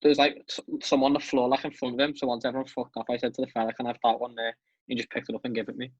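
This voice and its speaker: Scouse lad swearing through stories on a podcast, mid pitch, bit dull sounding mic. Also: male voice, steady tone, racing, no echo. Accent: Liverpool (Scouse). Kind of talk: casual chat, anecdotes.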